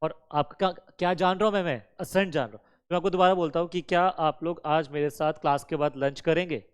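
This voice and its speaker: A man's voice: fairly high pitch, steady tone, fairly quick, clean tone. A male law teacher giving a classroom lecture, quizzing his students with questions, answering them himself, and switching between Hindi and English terms. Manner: addresses students fondly as kids.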